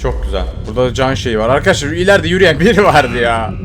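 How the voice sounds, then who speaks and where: A man's voice: mid-range voice, lively intonation, fast talker, noisy background. Jumpy man narrating a horror game. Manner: jumpy, shouts when scared, drops to hushed muttering when sneaking. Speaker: gaming YouTuber. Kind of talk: horror game let's play commentary.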